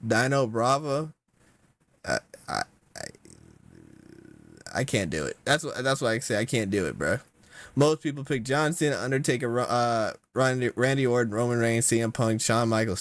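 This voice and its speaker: A young man giving casual reaction commentary, slangy and exasperated, with sudden loud outbursts. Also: mid-range voice, no echo. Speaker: content creator.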